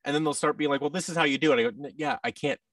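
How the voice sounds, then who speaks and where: A podcast guest in his thirties who creates audio dramas chats casually over a video call from indoors, animatedly acting out the exchanges he describes. He talks very fast in a gravelly voice on the high side. His boom-arm microphone with headset gives a dry recording that sounds captured from a distance.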